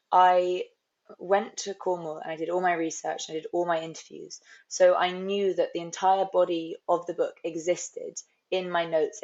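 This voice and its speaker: A young London woman, appearing as an author guest, reflects on her writing life in an unhurried interview, often circling back and restarting her thoughts. Her voice is lowish with a darkish tone, and the audio is slightly dull and lo-fi.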